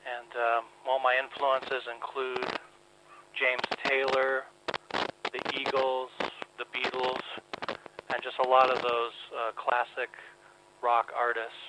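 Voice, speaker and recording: A man's voice: mid-range voice, completely flat delivery, slow, long pauses. Man talking over a noisy phone line. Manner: hesitant, many fillers. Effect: heard over a phone line. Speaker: musician guest. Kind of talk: phone-in radio interview.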